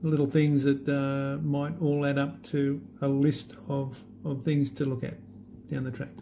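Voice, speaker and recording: At a desk, a man with a deep, gravelly voice walks through a tablet app on screen, unscripted. He sounds mellow and relaxed but halting, with lots of pauses and filler words, and a faint hiss of room noise runs underneath.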